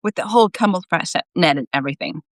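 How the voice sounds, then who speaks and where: A blunt, teasing male saint who doesn't sugarcoat anything, put on by a woman reading a story. The pitch leaps around freely, and the sound is close and dry. Lower-pitched overall, but with plenty of lift on the jabs. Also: lively intonation, fast talker, no echo. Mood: wry. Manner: teasing, sharp-tongued. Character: wry, blunt male saint guiding a newcomer.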